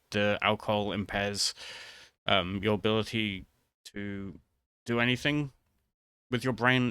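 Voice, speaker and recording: Male vlogger, low but bright voice, casual and halting, rambling to viewers. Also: smooth, no room sound, studio quality. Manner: hesitant, halting, trailing off mid-thought. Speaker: vtuber video creator.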